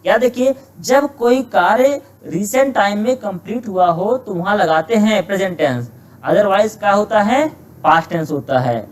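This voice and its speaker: A man with a high, lively voice gives an exam-prep lesson on English grammar, reading sentences slowly one word at a time before explaining them in Hindi. He frequently asks himself rhetorical questions, and the recording is rough.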